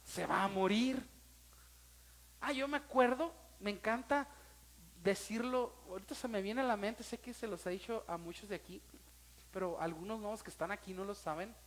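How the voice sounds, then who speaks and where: A man's voice: very high-pitched, a bit bright. A man with a Mexican Spanish accent, a pastor giving a sermon and telling a personal story, emotional and speaking straight to his listeners.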